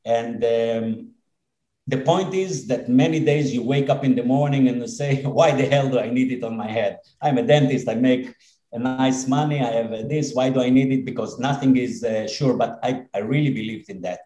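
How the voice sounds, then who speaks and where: A man in his fifties, a dentist who runs a company, answers interview questions on a podcast in an Israeli accent. He comes across as earnest but halting, filling gaps often. His medium-pitched voice is warm, and the room sounds spacious.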